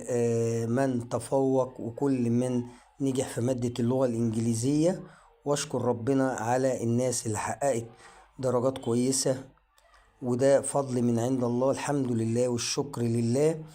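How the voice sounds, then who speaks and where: A man with an Egyptian Arabic accent, his voice warm and medium in pitch, teaches English pronunciation in an online lesson. He drills words one at a time, slowly drawing each one out.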